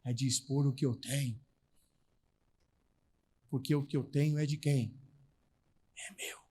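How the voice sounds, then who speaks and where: A man with a Brazilian Portuguese accent preaching a charismatic sermon at a retreat, animated, calling out to the brothers and acting out Bible scenes in slangy everyday voices. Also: mid-range voice, unhurried, breathy edge. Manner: calls out to the audience, repeating "irmãos". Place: large hall at a retreat. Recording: reverberant hall sound.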